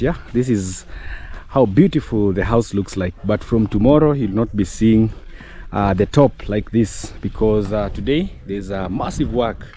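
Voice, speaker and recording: A man's voice: lowish voice, mellow, slight background noise. A young man, from East Africa, giving a friendly step-by-step walkthrough for viewers at a village building site outdoors. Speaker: vlogger. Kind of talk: casual vlog walkthrough.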